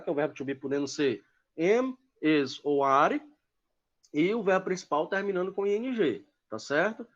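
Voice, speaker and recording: A man's voice: sits high, muffled recording. A man, teaching an online English class and explaining grammar rules patiently. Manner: patient, keeps checking in with "tá?".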